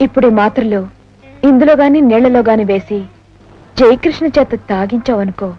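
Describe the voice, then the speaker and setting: A woman's voice: on the high side, normal speed, natural voice. An actress playing a scheming, well-off young woman who talks in a coaxing, persuasive way. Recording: dull film soundtrack with music.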